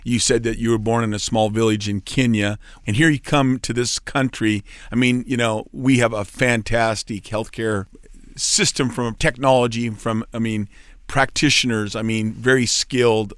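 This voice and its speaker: A man's voice: medium pitch, fairly even intonation, moderate pace, dry recording. A man hosting a health radio show, asking rambling questions with enthusiasm into a studio microphone. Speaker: radio host, physical therapist. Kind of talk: radio interview.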